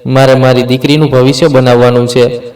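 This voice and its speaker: A man's voice: mid-range voice, level tone, a little fast, darkish tone, lightly acted. A man reading a harsh scornful mother-in-law. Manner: cold and contemptuous. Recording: roomy echo, distant from mic.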